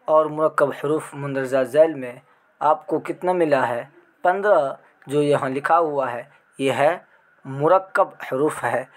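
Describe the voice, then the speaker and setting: Man teaching a grammar lesson. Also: on the high side. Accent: Indian Urdu. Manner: explains step by step, recites letters one by one, asks the class questions. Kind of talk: exam prep grammar lesson.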